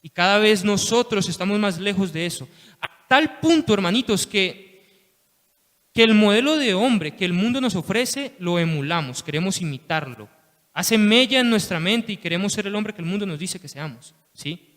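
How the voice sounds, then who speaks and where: A man's voice: sits high, lively intonation, moderate pace, a bit bright. A man preaching a sermon to his congregation, impassioned, with frequent "hermanos" and "¿sí?". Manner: impassioned, repeats "hermanos" and "¿sí?" often. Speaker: lay preacher. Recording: long reverb of a church hall.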